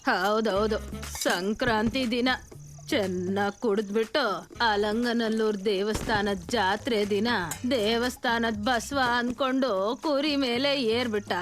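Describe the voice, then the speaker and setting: A woman's voice: on the high side, fairly even intonation, unhurried, faint music behind, close to an everyday voice. A woman playing a gossiping village woman who tells a story, speaking in dubbed film dialogue.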